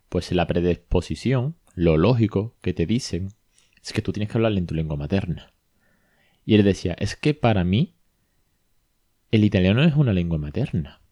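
A man from talks in a deep, mellow voice. He hosts a casual podcast, retelling a consultation with chatty asides. The recording is dry and close. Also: no room sound. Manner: conversational, retells dialogue, frequent asides and self-corrections. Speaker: podcast host, bilingual parenting consultant.

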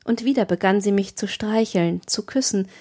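A woman narrating a literary audiobook in a measured, expressive way. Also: mid-range voice.

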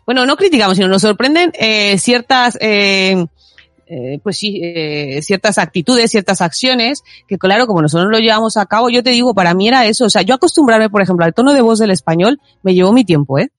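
A woman's voice: mid-range voice, brisk, no echo, clean studio sound, faint music behind. A woman from Mexico, speaking with a Mexican accent touched by Spain Spanish, telling stories in a casual chat and acting out the people she quotes. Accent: Mexican, with some Spain Spanish. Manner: lively storyteller, acts out quoted people.

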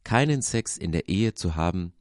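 A man's voice: low-pitched, lively intonation, normal speed, no room sound, studio quality. A man hosting a devotional podcast, speaking earnestly and reflectively and reading aloud from the Bible. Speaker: podcast host.

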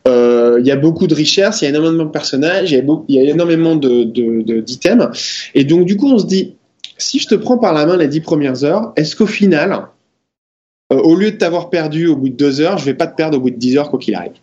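A man giving casual interview answers in halting, out-of-practice French, dropping in English terms. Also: fairly high pitch, expressive, a little mellow, lo-fi sound. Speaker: interview guest, game developer.

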